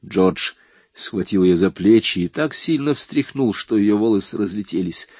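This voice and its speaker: A man narrating a crime novel audiobook in a measured, even reading. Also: on the low side, slightly rough, no room sound.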